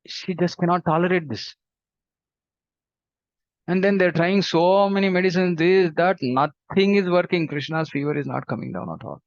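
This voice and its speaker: A man telling a devotional story in an animated way, acting out the characters' lines. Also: normal speed, no room sound. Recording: dull, dry low-fidelity recording.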